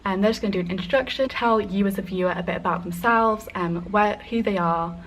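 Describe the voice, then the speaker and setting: A teenage woman narrating her own documentary in a measured, formal way and putting questions to interviewees. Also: mid-range voice, a little hiss or hum, poor audio. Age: teens. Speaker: student documentary maker and interviewer.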